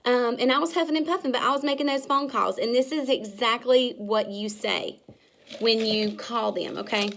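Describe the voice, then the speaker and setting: A young woman giving a chatty, energetic business talk, acting out her sales pitches in a bright, high voice. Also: moderate pace. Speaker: business trainer. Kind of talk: casual instructional talk.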